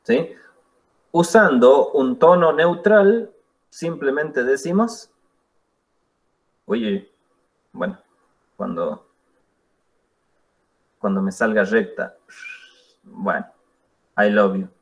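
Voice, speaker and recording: A man teaching an English class, explaining slowly and patiently with spoken examples. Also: mid-range voice, very animated. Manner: slow, patient explaining with demonstrations. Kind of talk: classroom lesson.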